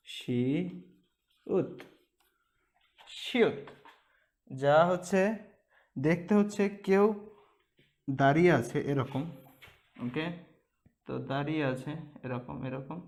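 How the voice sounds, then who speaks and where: Slow, repetitive male language teacher. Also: on the high side, darkish tone. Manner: drills each letter sound over and over, checks in with "okay?". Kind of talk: slow, repetitive Korean alphabet lesson.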